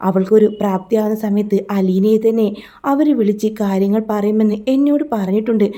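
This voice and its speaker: A woman voicing a grieving elderly grandfather who pleads and confesses in a slow, remorseful way. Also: mid-range voice, steady tone, dark tone, close to an everyday voice. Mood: pleading.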